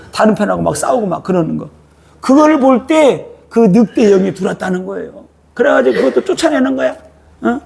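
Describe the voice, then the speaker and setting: A man's voice: high voice, gravelly, a little mellow. A male pastor preaching a sermon in a church, speaking colloquially and prodding listeners with a repeated "eh?".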